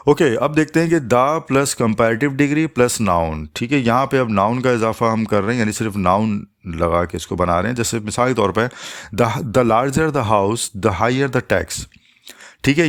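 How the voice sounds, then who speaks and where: A man with a fairly low voice teaches an English grammar lesson, patiently breaking it into steps. He spells out each English example slowly.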